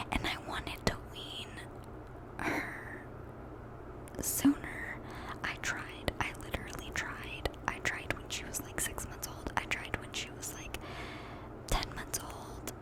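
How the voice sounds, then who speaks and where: A young adult woman whispering a casual ASMR ramble to her viewers, softly repeating some of her words. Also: low-quality recording. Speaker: ASMR video host.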